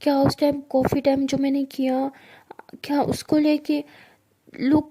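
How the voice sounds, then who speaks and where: A woman's voice: high-pitched, flat delivery, measured pace, mellow. A woman voicing a playful, teasing young woman who jokes and pleads. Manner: joking, pleading, cheeky.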